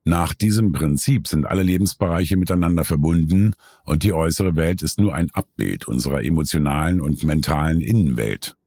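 A man reading a scripted nonfiction summary in a calm, measured way. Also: rumbling low, creaky, breathy edge, no room sound. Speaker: narrator.

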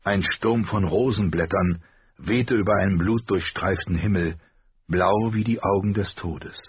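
A man reading an audiobook in measured, scripted narration. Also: sits low, slightly rough, no echo, muffled recording. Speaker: audiobook reader.

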